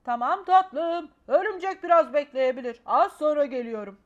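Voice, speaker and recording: Woman doing a busy dad in a kids story, flat and brushing it off, high-ish voice. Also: moderate pace, highs cut off, close to an everyday voice. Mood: dismissive. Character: tired, distracted father.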